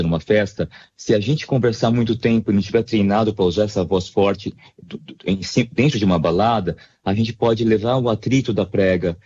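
Speaking Brazilian Portuguese in a lo-fi recording, this ear, nose and throat doctor and voice specialist has a husky, lowish male voice. Ele explica com calma numa entrevista de rádio, pausando com hesitações frequentes ao longo das respostas.

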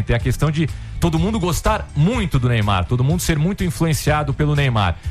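A man giving his opinion as a commentator in an unscripted radio sports discussion. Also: mid-range voice.

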